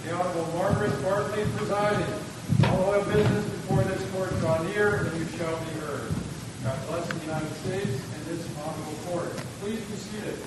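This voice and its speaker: A high-voiced man cries out a formal court opening like a royal herald. He is declamatory and ceremonial, heard in a boomy, echoing hall over loud noise. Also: steady tone, a little fast. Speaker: court crier. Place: large conference hall. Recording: echoey hall, distant, loud rumbling noise.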